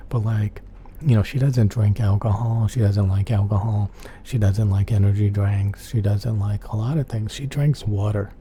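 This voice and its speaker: A soft-spoken man rambling casually in an ASMR chat, often repeating himself. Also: lowish voice, fairly even intonation, moderate pace. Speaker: ASMR channel host. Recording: clear background noise.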